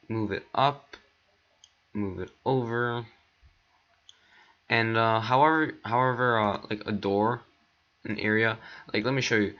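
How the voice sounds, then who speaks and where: Low-voiced man with a cracking voice. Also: sharp tone. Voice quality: voice cracks now and then. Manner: rambling, filler-heavy, talks while clicking through steps. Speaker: tutorial maker. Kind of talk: casual screen-recorded tutorial. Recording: dull lo-fi mic.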